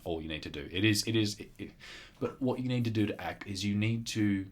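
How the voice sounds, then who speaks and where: A man's voice: fairly low pitch, a little fast. A man co-hosting a casual review chat, blunt and opinionated, with an Australian accent, often repeating words as he gets worked up. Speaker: podcast co-host.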